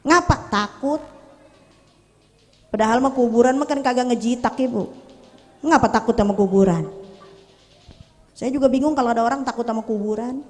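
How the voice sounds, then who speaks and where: A woman's voice: on the high side, normal speed, long pauses. A woman preacher tells a story in a sermon, joking and bantering with the audience. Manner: playful, jokes and banters with the audience. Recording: long reverb of a hall.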